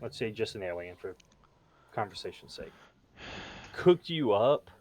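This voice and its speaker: A man's voice: on the low side, big pitch swings, unhurried, a little mellow, no echo. A man co-hosting a podcast in casual chat, rambling as he reads his notes aloud. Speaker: podcast co-host.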